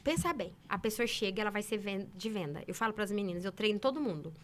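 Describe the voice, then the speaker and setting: A woman from Brazil telling sales stories in a casual interview, emphatic and animated. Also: medium pitch. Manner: animated, emphatic, quick talker. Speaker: saleswoman guest.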